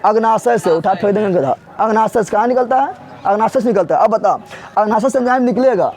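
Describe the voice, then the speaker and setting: A man's voice: sits high, fast talker, darkish tone. A man teaching a class, drilling students by asking each question and then repeating the answer several times, in plain everyday speech. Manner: colloquial, with regional Bihari turns of phrase. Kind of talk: classroom lecture with call-and-response drilling. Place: classroom with a board.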